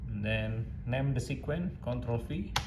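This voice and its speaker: In a noisy, echoey room, a man demonstrates audio digitisation software through a casual step-by-step tutorial. His mid-range voice is animated, and he speaks unhurriedly.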